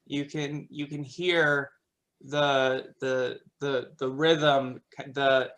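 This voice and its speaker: A man narrating as game master of a tabletop game, halting and full of restarts. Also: mid-range voice, level tone, a bit bright. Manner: halting, with many restarts and fillers.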